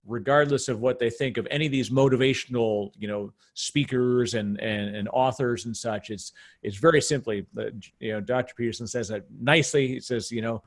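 A man's voice: mid-range voice, brisk. A man with a Canadian accent hosting a podcast, talking animatedly with lots of restarts and emphatic asides. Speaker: podcast host. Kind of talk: casual podcast conversation.

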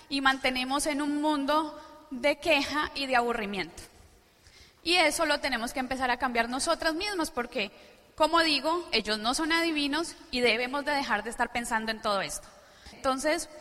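A woman's voice: sits high, bright, forceful tone. Woman giving a motivational talk, keeps asking the crowd "right?", voice echoing through a big hall. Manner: keeps checking in with the audience with quick tag questions. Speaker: speaker at a business event. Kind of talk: motivational talk to a live audience. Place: large event hall before an audience. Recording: live hall with long reverb.

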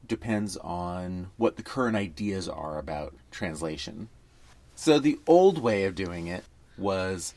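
A man's voice: low voice, darkish tone, no room sound. A man co-hosting a podcast in casual chat about a film, explaining things at length with wry asides. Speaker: podcast co-host.

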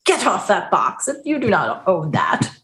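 A woman's voice: mid-range voice, big pitch swings, unhurried, a bit bright. A woman co-hosting a casual baseball podcast, chatty and joking, laughing often. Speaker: podcast co-host.

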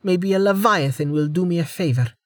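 A man voicing a blunt, hot-tempered young woman adventurer who talks in a sharp, impatient way. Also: high-pitched, lively intonation, moderate pace, dry recording, voice pushed up. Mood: heated.

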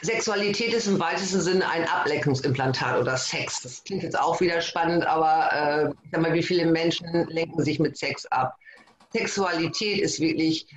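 This guest, a course facilitator from East Frisia in Germany, has a high voice and speaks at a moderate pace in an echoey room. He sounds excited and bubbly, calling himself overexcited during a casual podcast interview.

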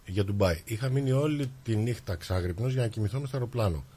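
A man's voice: on the low side, mellow, a little hiss or hum. A man co-hosting a sports podcast, chatting casually and telling stories. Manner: chatty storyteller. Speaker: podcast co-host. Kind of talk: casual chat. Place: lives in Melbourne.

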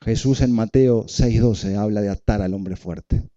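A man's voice: on the low side, a little slow, warm tone, lo-fi sound. A male pastor preaching a sermon, repeating key phrases and asking the congregation questions.

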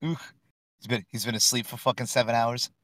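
This podcast co-host speaks a little fast in a mid-range, slightly bright voice with flat delivery. Riding in a car, he trades jokes and swears in casual banter, and the recording is dry.

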